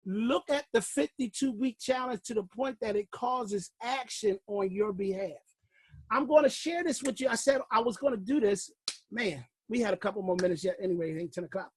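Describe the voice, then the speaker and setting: Fiery high-voiced man coaching a class. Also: moderate pace, breathy edge, no echo. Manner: fiery preacher-like delivery, swinging from loud shouts to low murmurs. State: out of breath. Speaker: class leader. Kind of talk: motivational teaching call. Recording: recorded call.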